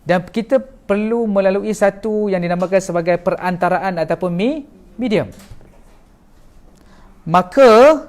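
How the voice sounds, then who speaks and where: A man's voice: sits high, measured pace, pauses often, a little mellow. A man with a Malaysian Malay accent giving a classroom lecture, explaining step by step and asking the audience questions.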